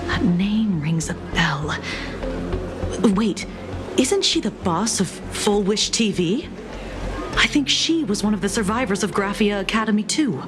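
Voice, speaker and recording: A woman playing a shrewd, teasing police detective in a video game, with a measured, skeptical delivery. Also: mid-range voice, big pitch swings, over music. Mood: dry, teasing.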